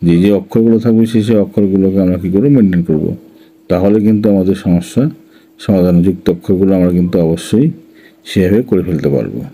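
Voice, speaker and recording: A man teaching an English phonics lesson, spelling out letters one by one and then sounding each syllable slowly. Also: low-pitched, mellow, poor audio.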